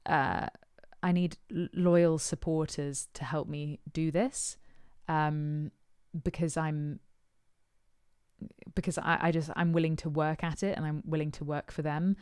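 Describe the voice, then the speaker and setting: Woman musician chatting through fan questions, deep and super smooth voice, lots of ums. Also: little pitch movement, unhurried, darkish tone, no room sound, studio quality. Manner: thoughtful, hesitant, with many ums and uhs. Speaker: musician answering supporters' questions. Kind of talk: casual Q&A chat.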